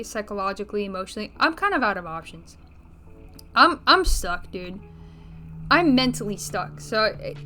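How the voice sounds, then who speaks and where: A woman's voice: fairly high pitch, bright, forceful tone. A woman vlogging in a casual, rambling way, a bit out of breath, full of filler words, restarts and blunt swearing. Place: bedroom.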